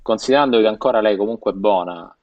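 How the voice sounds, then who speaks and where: A man's voice: fairly low pitch, fast talker, darkish tone, no echo, highs cut off. A man with a Sicilian accent, co-hosting a podcast in slangy, profane, joking casual chat. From Sicily, Italy. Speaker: podcast co-host.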